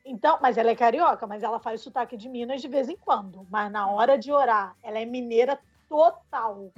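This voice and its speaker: A woman's voice: on the high side, fairly quick, husky, soft background music. A woman chatting casually and enthusiastically in a group conversation. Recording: slightly dull lo-fi sound.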